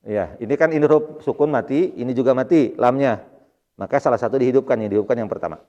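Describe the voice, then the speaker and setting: A man teaching Arabic grammar to a mosque study class, reading phrases slowly and then explaining them quickly with a chuckle. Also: medium pitch, mellow, lo-fi sound. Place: mosque hall. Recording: long hall reverb.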